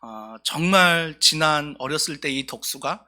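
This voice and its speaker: A man's voice: on the high side, a little slow, pushed and bright. A male pastor preaching a sermon, telling a story earnestly and with feeling.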